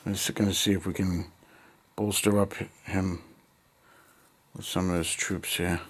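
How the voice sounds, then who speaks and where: Filmed on a handheld camera held about arm's length away, a middle-aged guy from the United States vlogs about his hobby in a cluttered basement room, thinking aloud in short, unscripted, muttered bursts as he chats to viewers. His voice is fairly low and slightly rough, with little pitch movement and a measured pace.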